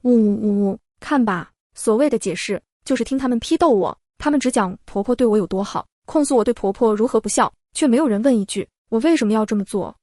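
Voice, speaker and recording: A woman reads a first-person story aloud at a very quick pace in a fairly high voice. Her delivery is brisk and wry, and the recording is dry and close. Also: expressive, dark tone, no room sound. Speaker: story narrator.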